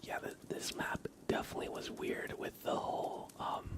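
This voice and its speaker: This is a male host on an ASMR livestream, gently and unhurriedly talking to his chat. His delivery is soft-spoken and whispered.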